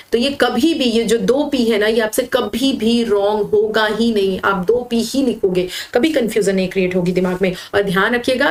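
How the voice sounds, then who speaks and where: Woman teacher spelling out words. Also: a little high. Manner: slow spelling out of words, syllable by syllable; explains patiently, repeats key words. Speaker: English teacher for exam prep. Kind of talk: slide-based lesson.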